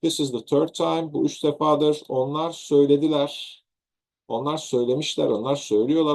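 A man's voice: medium pitch, a little mellow. A man with a Turkish accent teaching English grammar in an online lesson, patiently repeating and rephrasing example sentences.

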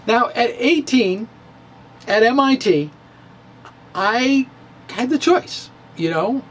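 With a very high, fairly bright, animated voice, a middle-aged man gives a dramatic reading of his physics blog in a room at home. He speaks into a studio mic in front of him, playful and theatrical, pausing and dipping as he goes. Slight background noise is present.

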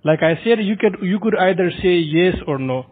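A young man with a fairly high voice speaks over a muffled, phone-like line. He is a call center agent delivering semi-scripted lines, courteous yet persistent, circling back to the same points. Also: animated, moderate pace, husky. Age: young adult. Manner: polite, insistent, repetitive. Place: small indoor office. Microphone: headset microphone. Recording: muffled narrow-band phone-like sound.

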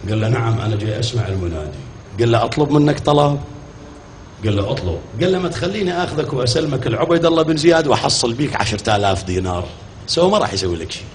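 A man's voice: mid-range voice, expressive, very fast. A man preaching a mourning sermon with an Iraqi accent, telling a story dramatically and acting out its dialogue with grieving cries. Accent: Iraqi Arabic. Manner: dramatic, quotes dialogue in shifting voices, grieving exclamations. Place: mourning hall. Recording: echoey hall, faint noise.

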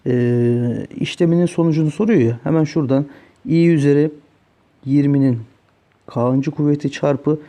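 A male math tutor with a very dark, mellow voice talks through each step of a problem. He keeps asking his students whether they are following along. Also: on the high side, fairly even intonation, normal speed. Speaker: math teacher. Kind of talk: solving exam questions on a board.

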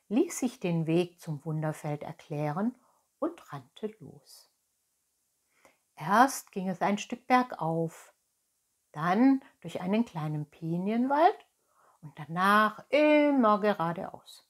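A woman reading a children's book aloud, calm and expressive, with brief asides to her listeners. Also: on the low side. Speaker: storyteller, children's story host.

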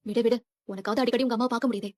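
Woman playing a quick, soft-spoken consoling young wife. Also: a little high, fairly even intonation, dry recording, lightly acted. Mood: sympathetic. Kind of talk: TV serial acting.

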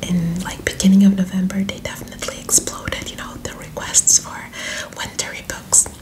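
A young woman in a whispered role-play as a friendly, helpful librarian, speaking in a soft library whisper. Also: medium pitch, level tone, moderate pace. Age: young adult. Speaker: ASMR performer playing a librarian. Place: small indoor room with bookshelves.

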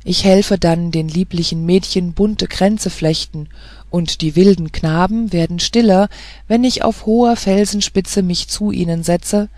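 An audiobook narrator reading a fairy tale in a measured, even storytelling manner. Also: mid-range voice, no echo, clean studio sound.

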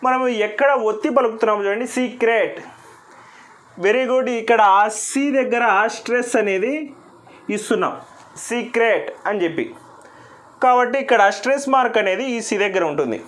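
A man from Andhra Pradesh teaching an English lesson in a patient, step-by-step way, saying each example word slowly several times. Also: extremely high pitch, fairly bright tone. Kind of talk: recorded classroom lesson.

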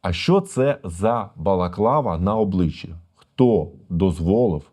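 A man's voice: low voice, lively intonation, measured pace, warm tone. A man, a lawyer, commenting on a video for viewers, emphatic and full of rhetorical questions.

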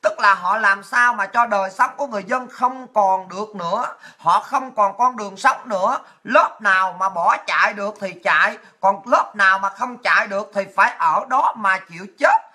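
Fiery, very sharp-voiced woman. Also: medium pitch, moderate pace, few pauses. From Vietnam. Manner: blunt, crude, fiery, swears a lot. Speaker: political commentator. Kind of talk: impassioned political rant to viewers.

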